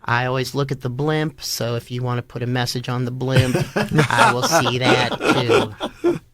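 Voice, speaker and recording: A man's voice: mid-range voice, very animated, unhurried, over a noisy crowd. A man being interviewed on a podcast, telling stories in a laid-back, joking way. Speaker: podcast guest, rock musician. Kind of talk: casual interview chat.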